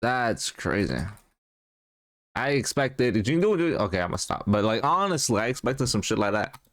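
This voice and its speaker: A man's voice: mid-range voice, big pitch swings, normal speed, a bit bright. A man streaming a reaction to a video, making jokey, profane asides in casual commentary.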